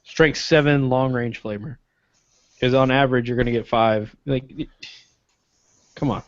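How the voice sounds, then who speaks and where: A man of medium pitch in casual, slangy hobby chat, speaking as one of a webcast's panel. The audio is very dry and slightly dull. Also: steady tone, moderate pace, no echo. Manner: informal, bro-slang talk. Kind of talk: casual hobby chat about tabletop wargaming.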